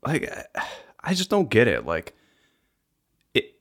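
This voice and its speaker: A man's voice: mid-range voice, huge pitch swings, takes it slowly, fairly bright tone. A man co-hosting a podcast in casual chat, jokey and teasing. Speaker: podcast co-host.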